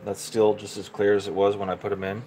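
A man in his forties hosts a live home cooking stream, chatting step by step as he works at the stove. His voice sits fairly low, picked up on a handheld camera mic in a home kitchen. A faint room ambience sits behind him. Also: monotone, fast, a little mellow, slight background noise, low-quality recording. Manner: casual, step-by-step, talking to viewers while cooking. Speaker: home cooking channel host. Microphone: handheld camera mic, moved around the stove.

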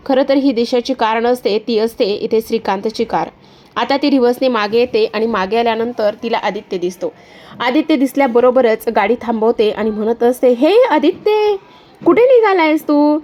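A woman's voice: a little high, darkish tone. Chatty woman retelling a serial. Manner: chatty, repetitive narration in present tense. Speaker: storyteller.

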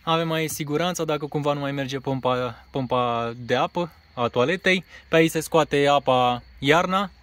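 A Romanian caravan seller walks around his caravan outside on a grassy lot, casually presenting it while filming with a handheld phone. His voice is on the high side and a bit bright, and he speaks plainly and matter-of-factly, pausing with a few fillers.

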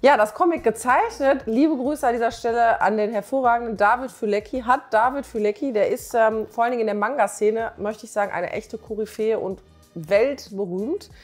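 Speaking a little fast in a higher-leaning voice, a doctor and author in her forties shows off her comic to the camera with casual, emphatic enthusiasm and colloquial phrasing. She's on a sofa indoors in a small living room, recorded on a clip-on lapel mic with faint music in the background.

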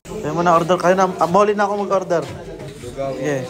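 A man's voice: sits high, fairly quick, crowd noise. A young man chatting casually to his viewers on a road-trip travel vlog, laughing often, filmed on a phone held at arm's length. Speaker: vlogger. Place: outdoors on a motorbike ride, then an open-air eatery. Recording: loud wind noise on a phone mic. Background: loud wind and traffic noise.

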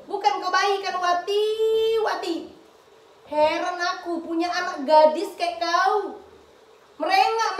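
A woman's voice: very high-pitched, pitched above the performer's own voice. A woman voicing an exhausted pregnant mother who scolds her grown daughter in a nagging, sing-song way, in a comic skit. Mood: scolding. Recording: echoey room.

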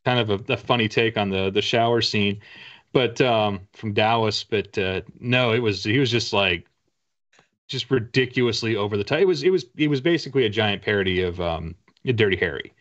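A middle-aged man, guest author in an interview, chats casually and rambles enthusiastically through his stories over a video call from a room lined with bookshelves. His voice is fairly low and fairly bright at normal speed, and the video-call audio is slightly dull.

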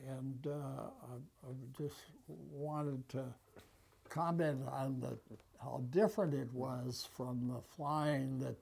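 Very slow, elderly American man. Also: mid-range voice, steady tone, gravelly, a little mellow, slightly rough. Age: 90s. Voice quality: aged voice. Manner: halting, with long pauses. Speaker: war veteran being interviewed. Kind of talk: conversational reminiscence. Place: small office, indoors. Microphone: lapel mic.

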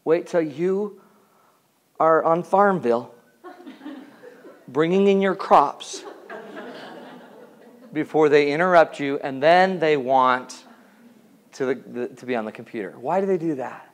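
Speaking slowly with frequent pauses, a relationship class teacher in his forties with a voice on the high side lectures his class comedically. His style is theatrical and joking, and he regularly puts questions to the audience.

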